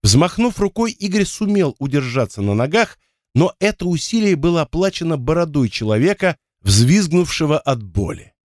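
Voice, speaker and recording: A man narrating an audiobook in a lively, expressive way. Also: a little high, moderate pace, no room sound, studio quality.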